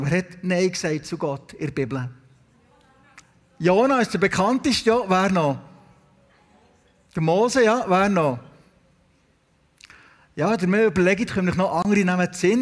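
A man preaching a sermon with a Swiss German accent, retelling Bible stories and putting questions to the congregation. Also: high voice. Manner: storytelling, asks the congregation questions. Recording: long hall reverb.

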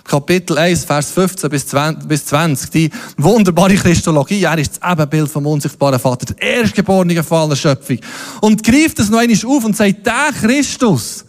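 Lively preacher in a reverberant hall. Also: male voice, fairly high pitch, brisk. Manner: lively storytelling with playful asides. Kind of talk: sermon. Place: church hall.

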